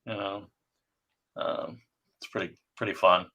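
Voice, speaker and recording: A man's voice: low-pitched, measured pace. A man co-hosting a casual chat about comic book art, talking animatedly and reading bits aloud. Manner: animated, reads comic lines aloud in funny voices. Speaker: co-host touring comic art.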